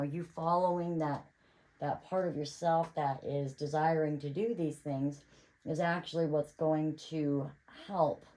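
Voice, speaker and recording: Low-voiced woman giving a casual tarot reading. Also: dark tone, poor audio. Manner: chatty, reassuring, thinks aloud. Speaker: tarot reader.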